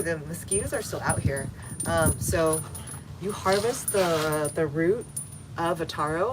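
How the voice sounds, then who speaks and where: A woman from Texas, United States, hosts a casual garden livestream outdoors, chatting and answering viewer comments one by one with fillers. Her voice is deep and the background is noisy.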